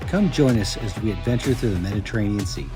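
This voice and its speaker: A man's voice: lowish voice, lively intonation, fast talker, loud music behind the voice. A North American man, a sailing vlogger, explaining things casually to the camera aboard a boat. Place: on a sailboat.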